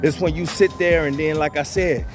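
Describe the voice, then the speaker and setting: Over music, a man in a slightly high, steady voice at normal speed delivers blunt motivational advice to his viewers. As the channel's host, he swears, repeats himself, and keeps calling listeners "bro."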